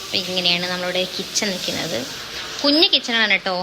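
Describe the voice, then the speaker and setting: A woman's voice: fairly low pitch, animated, fairly quick, background noise. A young woman, chatting casually as she gives a home tour and keeps calling out to her viewers. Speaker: vlogger giving a home tour.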